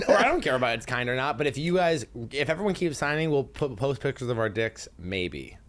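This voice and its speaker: A man's voice: medium pitch, very animated. A man co-hosting a podcast in casual chat, brash and profane. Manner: brash, profane, rapid-fire. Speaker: podcast co-host.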